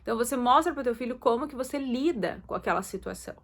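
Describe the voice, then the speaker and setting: A woman's voice: on the high side, animated, fast. A woman gives casual advice to parents, chatty and loose, with many fillers and self-corrections. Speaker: host talking to parents.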